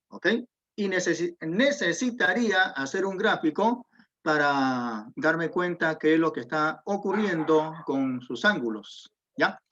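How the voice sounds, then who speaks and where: Male math teacher, high voice, slow unhurried delivery, quizzes the class as he explains, muffled lo-fi call audio. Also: a bit bright. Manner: patient, explains step by step, asks students questions. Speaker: secondary school math teacher. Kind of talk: online geometry class. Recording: dull lo-fi audio.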